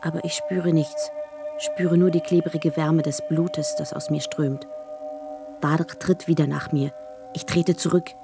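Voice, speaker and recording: An actress narrating in first person as a wounded, desperate young woman in a radio drama, speaking in halting, short, fragmented phrases. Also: low-pitched, level tone, creaky, over music. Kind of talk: scripted radio drama monologue.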